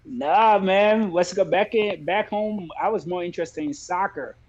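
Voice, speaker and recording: A man from Liberia who fights professionally, talking about his career in a relaxed, plainspoken way in a casual interview. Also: high-pitched, a little slow, lo-fi sound. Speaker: MMA fighter, guest.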